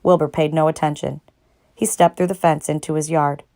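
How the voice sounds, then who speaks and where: A woman with a fairly low-pitched voice reads a children's story aloud. She narrates expressively, as a storyteller. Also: fairly even intonation, normal speed, mellow. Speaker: narrator, read-aloud reader.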